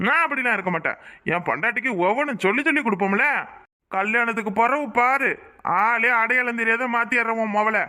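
Casting: man playing a swaggering cartoon village suitor with a southern Tamil Nadu dialect, very high, piercingly bright, taunting. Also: fairly quick, full character voice. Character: brash young village man, mocking suitor. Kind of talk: cartoon voice acting.

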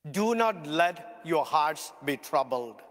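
A man serving as priest, reading the Gospel at a funeral Mass in a measured liturgical way, his voice ringing with cathedral echo. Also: on the high side, expressive, fairly bright tone. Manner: slow, measured liturgical delivery. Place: large church. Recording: long church reverb, heard from a distance.

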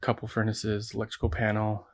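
Speaking briskly and in a monotone, a man with a lowish voice shows off a building job. He's American, and his tour of the big unfinished basement is relaxed and practical, with explanations along the way.

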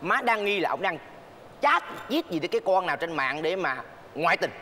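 A man's voice: high-pitched, sing-song, fairly quick, over music. An actor playing a fussy, dramatic middle-aged mother who nags her daughter, in a stage comedy sketch. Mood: coaxing. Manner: exaggerated nagging, theatrical complaints.

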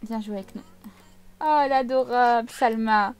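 A woman's voice: fairly high pitch, normal speed, smooth. A woman giving casual, chatty gameplay commentary with a playfully teasing manner. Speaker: video game let's player.

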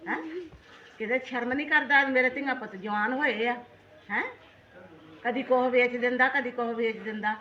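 A woman's voice: on the high side, steady tone, normal speed, long pauses, slight background noise, lightly acted. An older woman playing an indignant mother who scolds her daughter's husband, cutting in again and again to ask what she thinks, in an amateur family skit. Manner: indignant, keeps asking "hain?". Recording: roomy, dull lo-fi sound.

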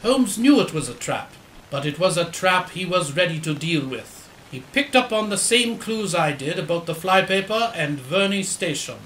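A man plays a loyal, earnest doctor in an audio drama. The voice is high and bright, explaining things in measured phrases in a roomy space. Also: lively intonation, a little hiss or hum. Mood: earnest recounting. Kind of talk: audio drama acting, storytelling.

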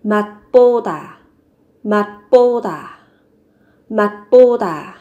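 A woman teaching a vocabulary lesson, saying each word three times slowly before explaining it. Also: mid-range voice, animated, warm tone, dull audio. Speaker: language teacher.

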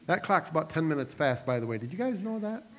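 A man's voice: fairly high pitch, very animated, fast, background noise. A male pastor preaching a sermon, telling stories animatedly and adding joking asides to the congregation. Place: church sanctuary. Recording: long reverb of a church hall.

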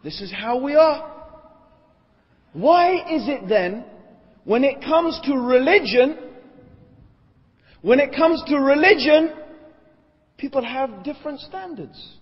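A man's voice: very high-pitched, animated, slow pace, pauses often, in a large hall, muffled recording. A man giving a religious lecture, asking rhetorical questions and checking in with his listeners. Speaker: Islamic lecturer.

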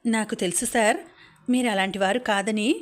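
A woman reading the lines of an eager, polite young woman in an audiobook, quick and apologetic. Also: medium pitch, steady tone, lightly acted. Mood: earnest.

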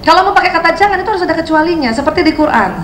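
A woman in her fifties giving a lively religious parenting talk to mothers, acting out quoted speech and laughing often. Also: very high-pitched, very fast, reverberant, a little hiss or hum, low-quality recording. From Indonesia.

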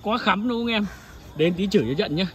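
A man's voice: high-pitched, a little fast, a crowd in the background. A man talking brash and quarrelsome at a roadside in the evening, in a staged street drama. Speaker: the finder's boyfriend.

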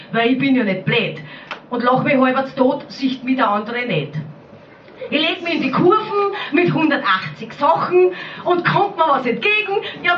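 A woman's voice: high-pitched, sharp tone, slight background noise. A woman with an Austrian accent reciting brash, mocking rhyming poetry at a slam. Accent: Austrian German. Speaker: slam poet. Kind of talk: rhyming dialect poetry performance. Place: small bar stage. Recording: echoey room, far-off mic, dull lo-fi sound.

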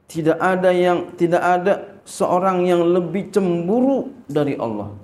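A man's voice: sits high, expressive, a little slow, darkish tone, roomy sound. A male Islamic teacher teaching a religious lesson. He reads Arabic text, translates it and asks rhetorical questions.

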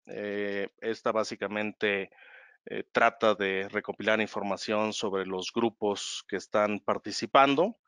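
Smooth low-voiced presenter man. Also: fairly even intonation, a bit bright, dry recording. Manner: measured, explanatory, calls for the next slide. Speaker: webinar presenter. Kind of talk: presenting slides in a webinar.

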